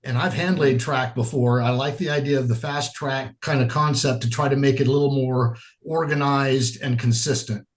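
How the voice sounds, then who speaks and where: A man's voice: mid-range voice, steady tone, normal speed, few pauses. A man in a casual video-call chat, explaining his work methodically step by step. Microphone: video call microphone.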